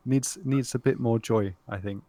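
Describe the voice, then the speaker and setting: A man's voice: medium pitch, steady tone, moderate pace, warm tone, no room sound. A man chatting on a gaming podcast in a playful, joking way. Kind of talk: casual podcast chat.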